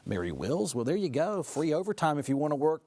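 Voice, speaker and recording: A man's voice: fairly high pitch, big pitch swings, brisk, dark tone, dry recording. A man hosting a studio political panel, direct, posing pointed questions to guests. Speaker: host.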